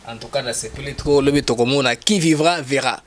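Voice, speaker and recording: A man's voice: medium pitch, moderate pace, slight background noise. Chatty male interviewer repeating questions. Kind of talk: casual on-the-spot interview.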